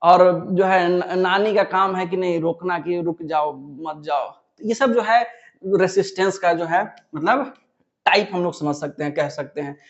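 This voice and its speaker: High-voiced male physics teacher. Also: a little slow, highs cut off. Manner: repetitive, asks questions then answers them himself. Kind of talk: classroom lecture.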